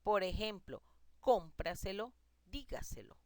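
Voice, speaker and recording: A woman's voice: mid-range voice, lively intonation, dry recording. Patient woman teaching a grammar lesson. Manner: patient, explanatory, lists examples slowly. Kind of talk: recorded online grammar lesson.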